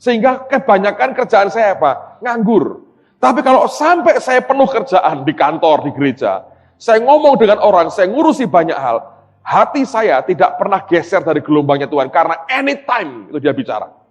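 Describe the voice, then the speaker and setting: Animated pastor preaching in a hall. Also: male voice, high voice, normal speed. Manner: animated storytelling, acts out dialogue, addresses audience as "saudara". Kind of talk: sermon. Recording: dull sound in a reverberant hall.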